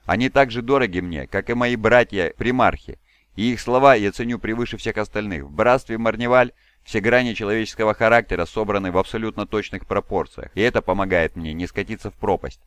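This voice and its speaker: A man's voice: lowish voice, brisk, a bit bright, clear, resonant tone, no echo, lightly acted. A man voicing a proud, fatherly giant male warlord who speaks in a solemn, commanding way.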